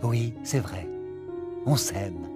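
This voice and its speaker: A woman voicing two chirpy female cartoon letters who are best friends, speaking in a sing-song, drawn-out, affectionate way. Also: a bass voice, animated, music in the background, full character voice. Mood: sweet, gushing. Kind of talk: cartoon voice acting.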